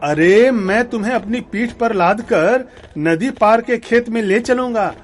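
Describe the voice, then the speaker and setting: A man's voice: high-pitched, slight background noise. A man voicing a big, trusting, good-natured male camel in a storybook cartoon. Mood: friendly. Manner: friendly, slow and lively.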